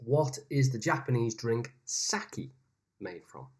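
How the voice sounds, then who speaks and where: A man's voice: mid-range voice, expressive, slow pace. Man hosting a video-call pub quiz. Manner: reads each question twice, with chatty asides. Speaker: quiz host.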